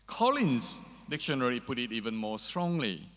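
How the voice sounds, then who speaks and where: A man preaching a sermon as pastor, earnest and measured, pausing on fillers, his voice ringing with a long cathedral-like echo. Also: mid-range voice, big pitch swings, fairly bright tone. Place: church sanctuary. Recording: echoey church hall reverb.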